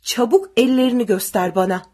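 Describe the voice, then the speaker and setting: A woman shouting as a brutal soldier barking orders. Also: fairly high pitch, a little fast, slightly rough. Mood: barking threats. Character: brutal tall male soldier at a checkpoint.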